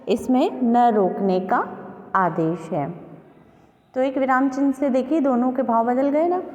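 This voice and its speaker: Slow high-voiced Hindi teacher, echoey room. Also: female voice, dark tone. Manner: slow, explanatory, addresses children directly. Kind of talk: classroom lesson. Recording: echoey room with long reverb.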